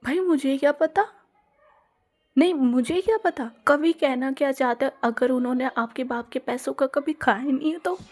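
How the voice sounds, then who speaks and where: A woman's voice: sits high, moderate pace, darkish tone, close to an everyday voice. A woman doing a gushing lovestruck schoolgirl. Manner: gushing, slangy, exaggerated. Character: lovestruck teenage schoolgirl, dramatic and playful. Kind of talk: Hindi audio story role-play.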